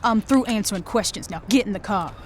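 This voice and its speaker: A woman's voice: medium pitch, fast talker, lightly acted. An actress playing a tough, cold female gang leader in a video game, speaking bluntly and with threats. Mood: commanding. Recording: game audio with background noise.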